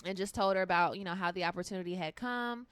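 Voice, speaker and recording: A woman singer talks through her story in casual interview chat, her voice a little on the low side. She keeps it loose and full of fillers, often acting out what others said. The sound is close and dry. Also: quick pace, clean tone, no room sound. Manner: chatty, with many fillers and quoted asides. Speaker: guest singer.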